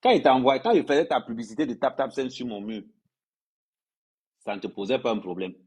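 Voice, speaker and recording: This man from Cameroon, an influencer, berates his followers during a livestream rant, hammering points through repetition. He sounds expressive and a bit fast, with a mid-range voice that's slightly mellow and breathy.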